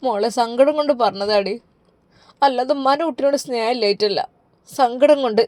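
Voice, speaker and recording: A woman voicing a worried, tearful middle-aged mother with a Malabar Malayalam accent, pleading and high. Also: a little fast, a little mellow, no echo, close to an everyday voice. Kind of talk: storybook narration.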